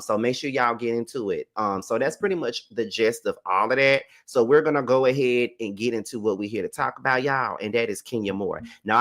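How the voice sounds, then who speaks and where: A man's voice: lowish voice, fairly bright tone. A man with an American accent hosting a reaction livestream in a chatty, sassy, slangy way. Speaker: host of reality TV reaction show. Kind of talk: casual livestream commentary.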